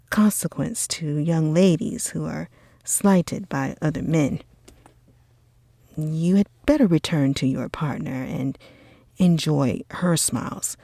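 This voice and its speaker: A woman voicing a proud, cold young gentleman in a breathy ASMR role-play of a classic storybook. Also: low voice, no room sound, clean studio sound, exaggerated voice.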